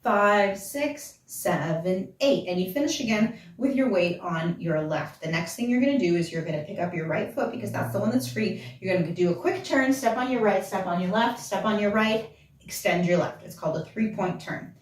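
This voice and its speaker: Dance teacher counting steps in a roomy space. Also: female voice, medium pitch, expressive, brisk. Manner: counting steps aloud while dancing. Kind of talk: dance tutorial instruction. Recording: roomy, from a distance, with music.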